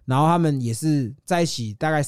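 A man's voice: fairly high pitch, brisk, clean tone, no room sound, studio quality. A man in his thirties with a Taiwanese Mandarin accent, co-hosting a crude casual podcast, telling stories with swearing and laughter. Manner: animated storytelling, swears, laughs often. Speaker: podcast co-host.

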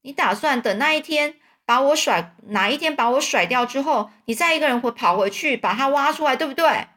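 Brief: woman doing a loud, high, scolding con-man duke in a storybook reading. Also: animated, moderate pace. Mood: furious. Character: hot-tempered male con man posing as a duke.

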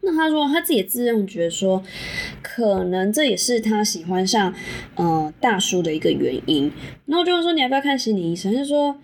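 Young Taiwanese woman host, mid-pitch, candid solo storytelling, salty and chatty, faint hiss behind. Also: big pitch swings, brisk. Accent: Taiwanese Mandarin. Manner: frank, chatty, swears casually and laughs often. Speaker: podcast host.

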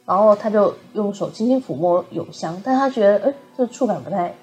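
A woman co-hosting a book discussion podcast, softly retelling a story and quoting its characters. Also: medium pitch, expressive, a little fast. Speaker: podcast co-host.

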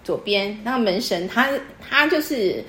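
A woman's voice: medium pitch, animated, measured pace, fairly bright tone. A woman, patiently explaining customs to a guest in casual chat and quizzing her as she goes. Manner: patient, teacherly, quizzes the listener. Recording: echoey room.

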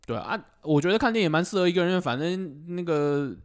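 A man co-hosting a podcast, telling stories in a relaxed, easygoing way. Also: fairly high pitch. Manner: quick, relaxed storytelling. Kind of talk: casual chat.

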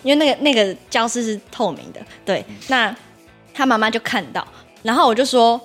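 A woman dance teacher, telling stories on a podcast in an animated, laughing way. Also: on the high side, a little fast, faint music behind. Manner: animated, laughing retelling with playful repetition. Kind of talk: podcast storytelling.

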